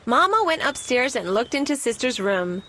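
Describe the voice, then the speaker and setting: A woman narrating a children's picture-book story in an expressive read-aloud manner. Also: a little high, moderate pace, very noisy.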